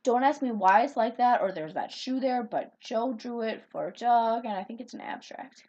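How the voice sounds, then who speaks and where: A woman's voice: on the high side, animated, normal speed, a little mellow, lo-fi sound. A young woman from Minnesota with a Minnesota accent, chatting casually in a vlog, giggly and rambling. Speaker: vlogger. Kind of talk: casual chat.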